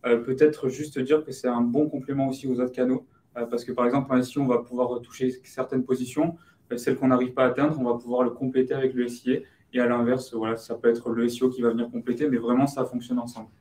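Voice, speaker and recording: A man's voice: mid-range voice, flat delivery, fast talker, darkish tone. A man, an advertising expert, adding brief explanations in a webinar with an agreeable manner. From France.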